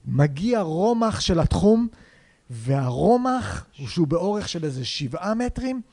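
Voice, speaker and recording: A man's voice: high voice, big pitch swings, warm tone. A man, a stand-up comedian, reflecting in casual chat and building vivid images as he talks.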